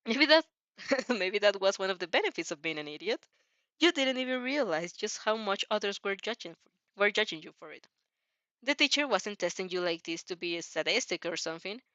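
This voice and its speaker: In a muffled recording with no echo, a woman with a medium-pitched, sharp-toned voice informally narrates fan fiction and reacts as she goes. She giggles and often stumbles, rereading phrases along the way.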